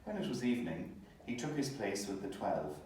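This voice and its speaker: A man's voice: fairly low pitch, big pitch swings, brisk, dark tone. A man narrating a Gospel passage as a member of the clergy, in a solemn scripture-reading style. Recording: very echoey, distant, faint background noise.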